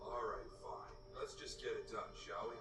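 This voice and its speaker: A man's voice: fairly low pitch, little pitch movement, normal speed, reverberant, natural voice. An actor playing a sarcastic, cocky male demon hunter in a video game, speaking in a dry, mocking drawl. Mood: weary. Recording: distant game audio with music.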